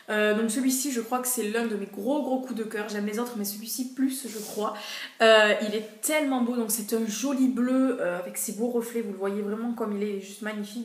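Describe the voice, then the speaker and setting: A woman's voice: a little high, echoey room. A woman vlogger casually reviewing her monthly beauty favorites, chatty and hesitant, with frequent fillers.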